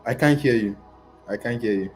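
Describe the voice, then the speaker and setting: A man's voice: medium pitch, a little fast, faint music behind. Guy on a call that keeps dropping out, far off, confused short replies. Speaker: remote guest on a livestream.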